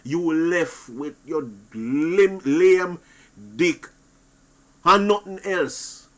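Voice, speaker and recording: A man giving an animated, preachy monologue to other men, swinging between loud outbursts and low asides. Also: extremely slow. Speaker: channel host.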